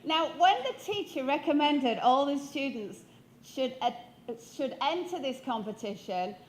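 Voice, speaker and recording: A woman from Sheffield in northern England, in her fifties, works as a motivational speaker and quizzes her audience during a stage keynote, holding a handheld mic. Her high voice has lively intonation and a somewhat slow pace, with slight background noise.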